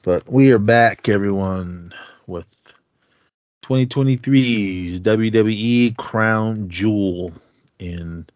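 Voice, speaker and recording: Low-voiced, laid-back middle-aged man. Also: slow, darkish tone, no room sound. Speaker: podcast co-host. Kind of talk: casual chat. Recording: dull lo-fi, dry close sound.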